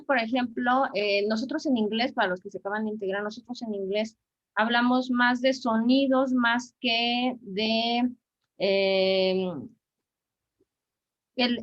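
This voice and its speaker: A woman's voice: on the high side, no room sound. A woman interpreting and explaining an English pronunciation lesson for her students. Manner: explains and repeats the teacher's points. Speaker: class interpreter and co-host. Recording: dull, dry audio.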